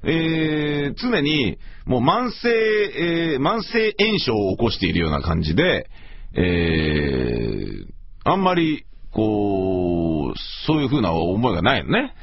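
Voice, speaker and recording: A middle-aged man with a hoarse, gravelly voice, rambling casually and self-deprecatingly as he hosts a solo radio talk. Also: fairly low pitch, wildly swooping pitch, takes it slowly, slight background noise. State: morning hoarseness after heavy talking. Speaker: radio show host and voice performer. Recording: slightly dull, lo-fi audio.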